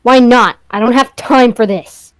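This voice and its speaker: A woman's voice: a little high, unhurried, no echo, lightly acted, low-quality recording. A woman voicing a bitter young male musician in a story game, with clipped, dismissive lines. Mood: irritated. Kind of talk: reading a story game aloud.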